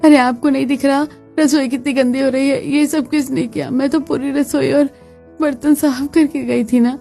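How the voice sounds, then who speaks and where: A woman's voice: high voice, fairly even intonation, normal speed, vocal fry, dark tone, soft background music, pitched above the performer's own voice. A woman voicing a fed-up young wife in a cartoon, complaining emphatically. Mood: indignant.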